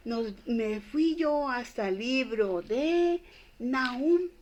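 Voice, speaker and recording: Slow, halting grandmother storyteller. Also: fairly high pitch, darkish tone. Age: older. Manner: slow, halting, repeats words and restarts. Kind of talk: Bible story for children.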